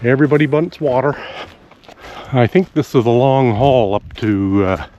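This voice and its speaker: A man's voice: medium pitch, dull audio, a little hiss or hum. Man musing aloud on a country walk. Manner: relaxed, musing, thinks aloud with pauses. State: out of breath after a steep climb. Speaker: vlogger. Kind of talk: rambling walk vlog.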